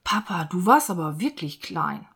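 A woman voicing an eager, sweet little boy mouse in a storybook reading, with a bright, excited childlike delivery. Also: fairly low pitch, moderate pace, creaky, breathy edge, full character voice.

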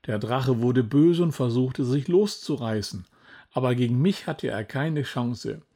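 A man's voice: medium pitch, a little slow, dark tone. A man as Ritter Kühnrich, a boastful old knight. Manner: grumbling, self-praising. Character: boastful old male knight, proud father.

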